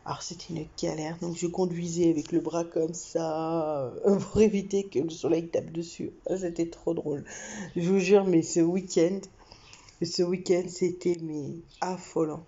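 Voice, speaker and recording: Fairly low in pitch and a little slow, a young adult woman from France tells a casual vlog story over dull audio. She chats with many fillers and laughs and shifts animatedly.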